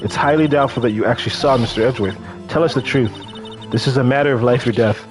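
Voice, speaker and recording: A man's voice: medium pitch, fast talker, music in the background, natural voice. A man voicing an earnest, loyal young woman who speaks up firmly. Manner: earnest, pleading.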